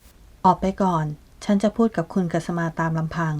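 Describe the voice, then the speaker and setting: Brief: domineering man, gruff and firm, veiled threats, voiced by a woman reader. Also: on the low side, fairly even intonation, moderate pace, a little mellow, close to an everyday voice.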